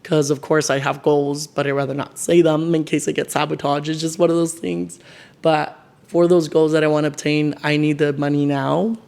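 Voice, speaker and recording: A man's voice: on the high side, little pitch movement, moderate pace, creaky, darkish tone, clear, resonant tone. A 21-year-old man vlogging, chatting casually to camera and venting in a rambling way, with lots of filler words. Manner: rambling and venting, heavy use of "like". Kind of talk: casual sit-down chat to camera. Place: his decorated home.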